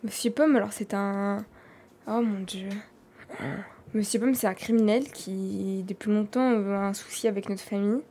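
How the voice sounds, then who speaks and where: A woman with a French accent, a streamer doing live game role-play, talking in an animated and dramatic way. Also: medium pitch. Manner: animated, dramatic, quick swings in loudness.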